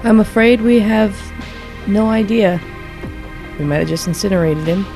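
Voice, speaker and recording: A woman's voice: medium pitch, normal speed, dark tone, faint music behind, lightly acted. A woman voicing a curious, polite and kindly half moon elf with a formal, courteous manner. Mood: concerned.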